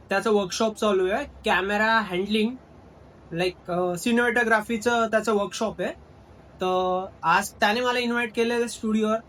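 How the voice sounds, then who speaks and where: A man's voice: high-pitched, a little hiss or hum, poor audio. A young man chatting casually in his daily vlog, mixing English words into his talk, recorded on a phone. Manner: relaxed chatty, mixes English words into Marathi. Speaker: vlogger, aspiring actor. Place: Mumbai, indoors and out on the street. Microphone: phone held while vlogging.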